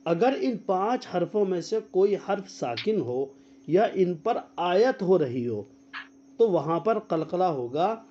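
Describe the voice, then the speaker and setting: A man teaching a tajweed lesson over a video call, quizzing his students, repeating their answers and spelling out letters slowly as a drill. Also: high voice, big pitch swings, dark tone, muffled recording, a little hiss or hum. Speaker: Quran teacher.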